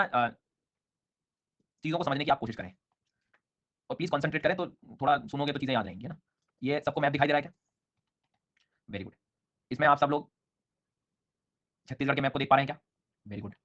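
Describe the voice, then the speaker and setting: A man teaching an online exam-prep class in speech, energetic and coaxing, with frequent repeated memory drills. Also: medium pitch, highs cut off.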